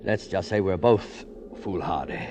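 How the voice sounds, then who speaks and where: In a 1940s radio drama heard over a noisy vintage broadcast, an actor plays a weary, gentle, self-doubting invalid mountaineer who speaks hesitantly and reassuringly. His voice is low, expressive and unhurried, and he sounds calm and friendly.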